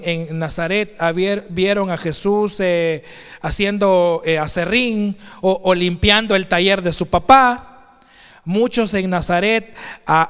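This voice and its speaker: A man preaching, earnest and direct with his congregation, his voice lifting higher whenever he stresses a point. His tone is high and smooth, resonant and clean. The sound carries a long reverb, as in a church sanctuary. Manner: earnest, addresses congregation directly, rising emphatic pitch. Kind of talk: sermon.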